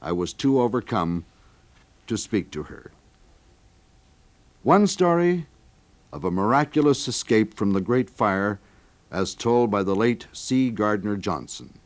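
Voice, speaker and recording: A man's voice: lowish voice, animated, measured pace, long pauses. A man narrating a dramatic historical account as a documentary narrator, reading with rising intensity at vivid moments.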